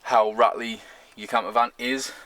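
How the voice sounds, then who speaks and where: Pushed and bright, this man's mid-range voice holds a level tone at a moderate pace. Casually vlogging his DIY work on a camper van, he speaks with a moderate Sunderland Mackem accent from north-east England and is blunt, colloquial and sweary.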